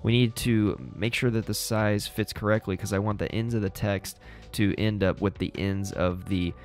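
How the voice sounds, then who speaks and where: A young man hosting a design tutorial, relaxed and upbeat, explaining each step casually into a studio mic. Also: fairly low pitch, moderate pace, faint music behind. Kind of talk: casual screen-recorded tutorial. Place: small home studio indoors. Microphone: studio mic on boom arm.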